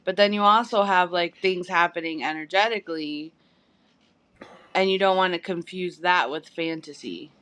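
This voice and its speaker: Midwestern female co-host, slightly low voice, relaxed and giggly. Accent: Midwestern American. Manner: giggly, relaxed, says "like" often. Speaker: podcast co-host. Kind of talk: casual podcast chat.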